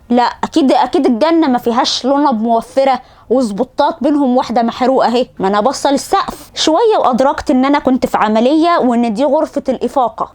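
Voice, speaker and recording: A young woman with an Egyptian accent, telling a comic personal story and acting out the lines of the people in it. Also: high-pitched. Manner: animated, acts out doctors' lines. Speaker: vlogger.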